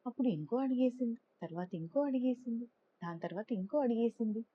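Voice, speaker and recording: A woman's voice: fairly quick, muffled recording, a little hiss or hum. Woman telling a children's story. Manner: lively, expressive, raises pitch for characters' lines. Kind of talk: storybook narration with character voices.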